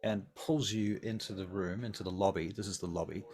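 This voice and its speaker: Brief: male game master, low gravelly voice, descriptive narration with fillers. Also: steady tone, brisk, darkish tone. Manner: descriptive, with many filler ums.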